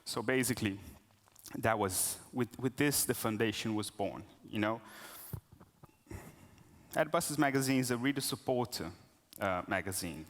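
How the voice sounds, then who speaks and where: A man's voice: mid-range voice, normal speed, a bit bright. Nervous man speaking in a reverberant hall. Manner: hesitant, with many restarts and fillers. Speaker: conference speaker. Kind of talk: live conference talk. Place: conference hall.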